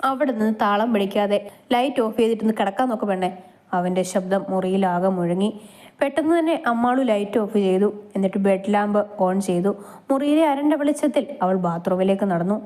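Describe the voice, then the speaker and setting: A woman's voice: mid-range voice, dark tone. A woman reading a romantic story aloud, voicing the young wife and her husband herself.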